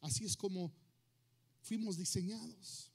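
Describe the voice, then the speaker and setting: A male pastor preaches to his congregation, moving between Spanish and English and putting questions to the crowd. His voice is high, creaky, and a little mellow, and he takes his time.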